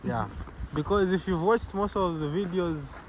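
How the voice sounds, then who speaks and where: Easygoing man, slightly high voice. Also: a little slow, a little hiss or hum, low-quality recording. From Zambia. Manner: easygoing, chuckles between answers, repeats "yeah". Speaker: interviewee, medical student. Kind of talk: casual street interview. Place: outdoors on a city street.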